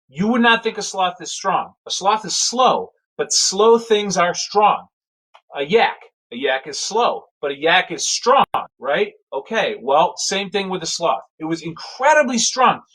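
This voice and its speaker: A man telling a casual spoken anecdote in a rambling, animated way, full of fillers and restarts. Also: high-pitched, slow pace, rough recording. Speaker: storyteller.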